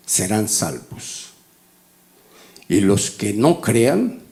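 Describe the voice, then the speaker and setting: Teaching a Bible class, a pastor in his sixties preaches in a conversational, instructive way, frequently pausing to ask short rhetorical questions. He speaks at a medium pitch, with vocal fry and a slightly mellow quality.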